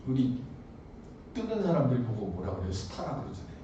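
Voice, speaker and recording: A man's voice: medium pitch, big pitch swings, fairly quick, mellow, lo-fi sound, a little hiss or hum. A male pastor preaching a sermon, animatedly quizzing the congregation. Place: church sanctuary. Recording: echoey church hall from far off.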